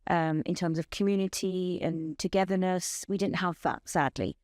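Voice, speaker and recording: Earnest and measured, this podcast guest tells her story through long lists in an interview-style personal testimony. She is in her thirties, was born in Bangladesh, and speaks Bengali as her first language; her lowish voice is a little mellow, recorded at studio quality with no room sound.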